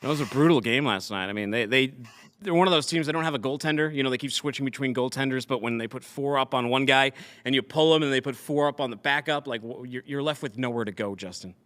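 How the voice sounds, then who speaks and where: A man's voice: mid-range voice, fast talker, a bit bright, big-room sound. A man hosting a casual trucking news show, chatty and joking with his guests. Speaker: show host.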